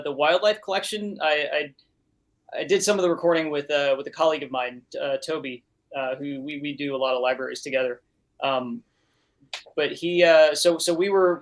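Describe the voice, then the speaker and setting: A man who works as a sound recordist, appearing as a guest and telling a story casually with many restarts and fillers. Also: fairly high pitch. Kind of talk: casual anecdote.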